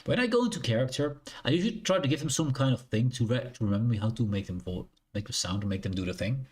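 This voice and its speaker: A young man from the Netherlands with a Dutch accent talks to his live-stream chat from a shared living room. His medium-pitched voice is animated and quick as he rambles casually and corrects himself along the way.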